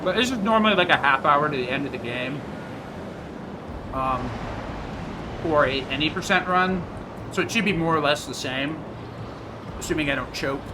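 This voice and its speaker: A man's voice: a little high, expressive, moderate pace, pauses often. A man giving casual, rambling, matter-of-fact commentary on his own speedrun, picking at his own mistakes. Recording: clearly noisy home gaming recording.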